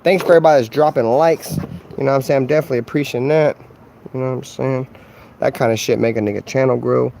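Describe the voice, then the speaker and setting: A man talking sports on his own livestream at a middle pitch, trash-talking in a loose, profane, slang-filled way. He rambles and keeps circling back with fillers. The delivery is casual and unscripted. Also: steady tone, fast, vocal fry, darkish tone, slight background noise.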